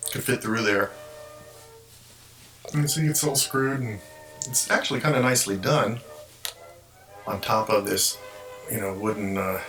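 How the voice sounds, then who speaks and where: Low-voiced man in an echoey room. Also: fairly bright tone. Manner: rambling, explains as he handles the puppet. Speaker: ventriloquist and puppet collector. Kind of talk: casual show-and-tell vlog. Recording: roomy echo, faint music behind.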